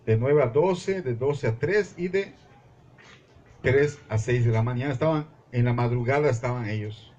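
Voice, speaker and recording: A man's voice: on the high side, darkish tone, muffled recording. A man with a Mexican Spanish accent preaching a sermon to his congregation in a small mission church, calling them brothers and reading scripture with fervor. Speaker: pastor.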